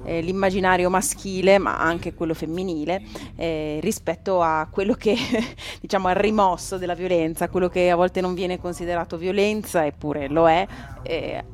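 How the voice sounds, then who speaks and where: A woman's voice: fairly low pitch, slight background noise. A woman hosting a radio talk show, speaking thoughtfully with hesitant fillers. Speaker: radio host.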